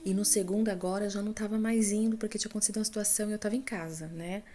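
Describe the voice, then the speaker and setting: A woman's voice: mid-range voice, steady tone, very fast, warm tone. A Brazilian woman with a Brazilian Portuguese accent recounting a dream as a church testimony, talking casually and addressing her listeners as brothers. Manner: conversational, addresses listeners as brothers and folks, frequent tag questions. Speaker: church member giving a testimony.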